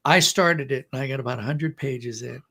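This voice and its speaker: Talking a little fast, a middle-aged or older man uses a bright, forceful mid-range voice. He is a writer guesting on a podcast, discussing literature reflectively in a storyteller's manner and performing quotes as illustrations.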